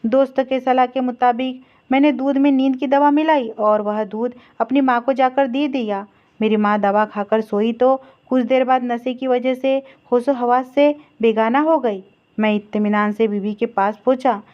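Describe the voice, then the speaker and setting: Female storyteller, earnest steady narration, high-ish voice, lo-fi sound. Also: moderate pace. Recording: dull lo-fi recording.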